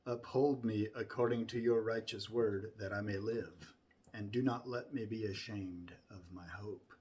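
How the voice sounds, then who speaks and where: A man with a fairly low voice recites scripture very slowly and solemnly. Each phrase is deliberately set out, opening with emphasis and easing off softly as it closes. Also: steady tone. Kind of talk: solemn Bible recitation from memory.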